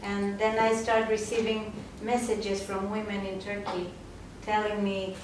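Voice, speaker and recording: A woman's voice: mid-range voice, flat delivery, measured pace. A woman interviewer speaking conversationally, in an emphatic, reflective way that repeats words for weight. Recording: very echoey, distant mic, faint noise.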